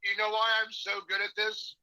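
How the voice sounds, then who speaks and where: A man on a phone call played through a speakerphone, chatting casually and joking in quick bursts. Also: high-pitched, monotone, pushed and bright, clear, resonant tone, dry recording. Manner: jokey, talks in quick bursts. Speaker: caller on the phone. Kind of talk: casual chat. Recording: phone audio held up to a studio mic.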